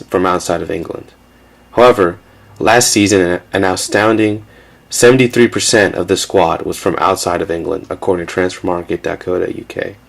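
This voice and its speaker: A man giving a measured, factual scripted narration for a documentary. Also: sits low, creaky.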